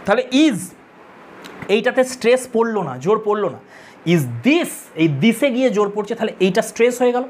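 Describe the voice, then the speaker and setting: A woman's voice: on the high side, animated, quick pace, few pauses, darkish tone, slight background noise. A woman with a Bengali accent teaches a literature lesson for exam students, explaining step by step, counting aloud and repeating key terms.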